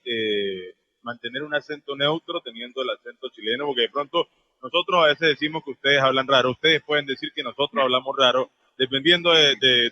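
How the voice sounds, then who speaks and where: A man's voice: mid-range voice, bright, forceful tone, no room sound, muffled recording. A man hosting a radio interview, asking long, wordy questions full of fillers. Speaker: radio show host.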